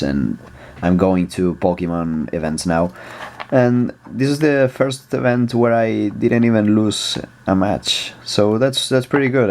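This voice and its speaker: A man's voice: low-pitched, darkish tone, a little hiss or hum. A man with a Spanish accent, rambling casually as a vlog host, with many fillers and restarts and some casual swearing. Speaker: video host.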